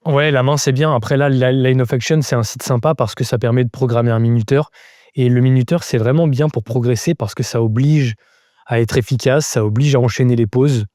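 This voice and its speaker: A man's voice: mid-range voice, steady tone, fairly quick, mellow, no echo, studio quality. A man giving a live-stream drawing lesson, thinking aloud step by step as he sketches and chatting casually with viewers. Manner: answers chat viewers casually. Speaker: drawing teacher.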